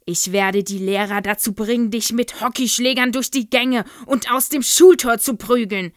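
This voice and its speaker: A woman's voice: fairly high pitch, steady tone, moderate pace, dry recording, clean studio sound, pitched above the performer's own voice, lightly acted. A woman voicing a huge, brutal, child-hating headmistress who bellows insults at a pupil. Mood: furious bellowing.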